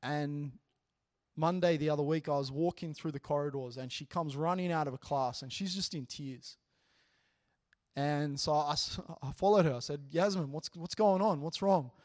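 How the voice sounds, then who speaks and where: A man delivering a casual, story-driven sermon, voice sitting a little high for a man. He talks earnestly and with animation, often dropping in "you know" as he goes. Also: normal speed. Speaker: preacher sharing a testimony.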